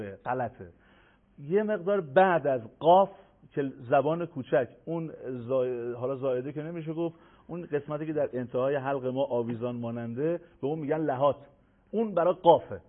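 Male Quran recitation teacher, patient and explanatory, mid-pitched voice over a narrow phone-like line. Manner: patient, explanatory, repeats letter sounds slowly. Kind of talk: broadcast lesson.

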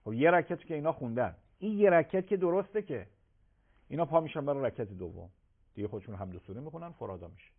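A man, a religious scholar answering viewers' questions on a live call-in program, emphatic and swinging between loud and soft. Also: medium pitch, animated, slightly rough. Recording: tinny phone-like broadcast audio.

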